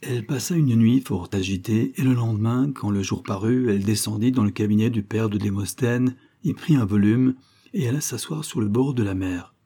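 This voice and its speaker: A man reading a nineteenth-century short story aloud in a measured, even narration. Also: on the low side, breathy edge. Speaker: audiobook reader. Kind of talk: literary narration.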